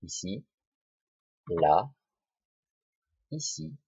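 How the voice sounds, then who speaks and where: A man teaching young children a lesson, talking slowly and deliberately and repeating words and syllables. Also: low voice, sing-song, gravelly, dark tone, breathy edge, no echo. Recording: dull lo-fi recording.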